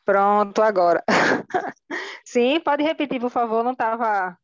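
A woman's voice: on the high side, expressive, no echo. A woman with a Brazilian Portuguese accent, a native Portuguese speaker, answering hesitantly as a student in an online Spanish class. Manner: hesitant, unsure, halting. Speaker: language student. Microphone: video call. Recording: dry lo-fi call audio.

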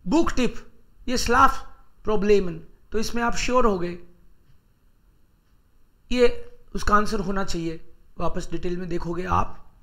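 A man teaching German exam strategy, reading German aloud slowly and explaining it in Hindi while thinking aloud. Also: sits high, pushed and bright.

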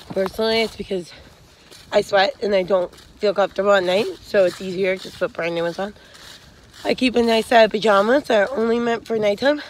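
There's a little hiss or hum behind this young woman's medium-pitched voice. On a wooded trail, phone out at arm's length, the hiking vlogger shares blunt tips in a loose, filler-heavy ramble.

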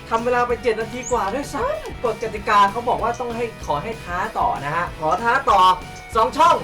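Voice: mid-range voice, animated, fairly quick, recorded from a distance. A host doing playful, exclamatory commentary on a food challenge, in a theatrical way. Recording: loud music behind the voice. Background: music.

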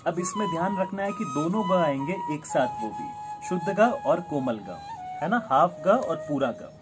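A man teaching a flute lesson online, friendly and encouraging, who sings the note names out slowly for students to follow. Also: on the high side, big pitch swings, over loud music.

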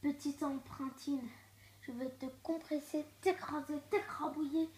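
A woman's voice: steady tone, unhurried, darkish tone. A woman voicing a boastful, vengeful old witch in a storybook read-aloud, theatrical and gloating. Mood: scolding. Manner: theatrical, gloating, shifts to low menacing mutters. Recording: echoey room.

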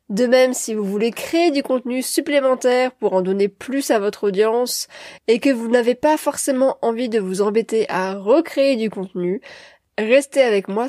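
High-voiced woman hosting a podcast. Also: a little mellow, dry recording. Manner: friendly, direct address to listeners. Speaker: podcast host. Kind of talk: solo podcast talk. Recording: dry close recording.

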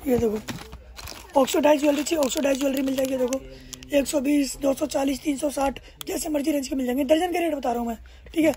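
A young wholesale shopkeeper in a crowded indoor market shop reels off prices in an emphatic sales pitch, repeating his terms. He speaks quickly in a steady, dark tone.

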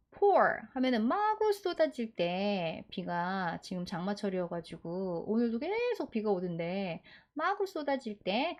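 A woman teaching English vocabulary in an online lesson, slowly drilling pronunciation and having listeners repeat words after her. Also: mid-range voice. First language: Korean.

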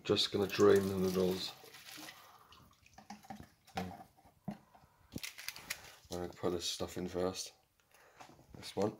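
A man's voice: low voice, little pitch movement, slow, pauses often. A young man vlogging a food challenge in a kitchen, chatting casually to his viewers. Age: young adult. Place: small home kitchen. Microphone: handheld camera. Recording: noisy handheld camera recording.

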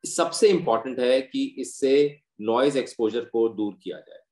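A man who is an ENT doctor, calmly explaining hearing problems and giving patient advice with medical terms in an interview. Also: medium pitch, a little slow. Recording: roomy echo.

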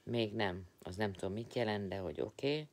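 Low-pitched, tired man hosting a live stream, chatty and teasing with viewers. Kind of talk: casual live-stream chat, greeting and answering viewers.

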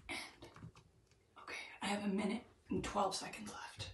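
A woman's voice: mid-range voice, level tone, moderate pace, slight background noise. A young adult woman talking casually to camera, breathless and shivery as she sits in ice cold water. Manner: gasping, breathy talk while sitting in ice cold water. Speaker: challenge vlogger. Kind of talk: casual self-talk to camera during ice bath challenge. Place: small tiled bathroom, in a bathtub. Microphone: camera a few steps away. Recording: echoey bathroom, distant camera microphone.

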